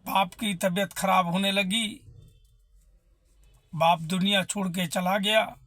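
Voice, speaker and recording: A man's voice: high voice, steady tone, slow pace, pushed and bright, no echo. A man telling a devotional story, emotive and addressing listeners as brothers.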